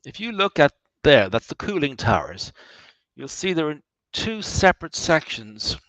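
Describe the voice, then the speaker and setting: A man with an Irish accent leading a guided tour of his distillery. He talks in a chatty, animated way, with wry asides and frequent restarts. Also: fairly high pitch, measured pace, no echo, poor audio. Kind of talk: guided tour talk, answering questions.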